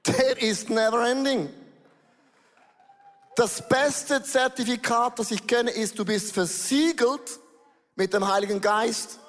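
A man preaching a lively sermon as pastor, dropping English phrases into his German. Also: very high voice, slow, pauses often, big-room sound.

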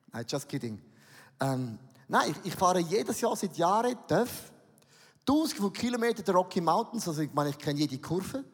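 A middle-aged man with a Swiss German accent, preaching a sermon and telling a self-mocking story with humor and acted-out dialogue. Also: a little high. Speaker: pastor. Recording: reverberant hall.

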